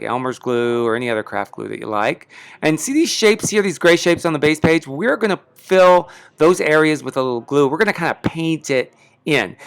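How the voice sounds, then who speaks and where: A man's voice: on the high side, vocal fry, fairly bright tone. Chatty man teaching crafts, slightly off articulation. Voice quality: slightly odd articulation from a sore tongue. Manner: chatty, enthusiastic, self-deprecating. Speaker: craft lesson host. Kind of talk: casual step-by-step craft tutorial voice-over. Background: background music.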